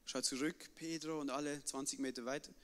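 A young man telling a personal story live to an audience, animated and often ending sentences with a questioning tag. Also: mid-range voice, brisk. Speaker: storyteller on stage. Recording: reverberant hall.

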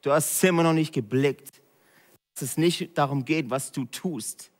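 A fairly high-voiced man, blunt and direct. He drops to near-whispers and then climbs into loud, emphatic calls. His voice rings with the long reverb of a church hall. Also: normal speed. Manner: direct, swinging between hushed and loud emphatic preaching. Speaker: pastor. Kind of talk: sermon.

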